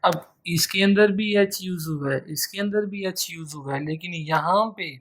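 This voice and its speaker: A man's voice: high voice, normal speed, fairly bright tone. A man giving an exam-prep grammar lecture, repeating key phrases and stretching out his example words. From Pakistan. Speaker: English teacher.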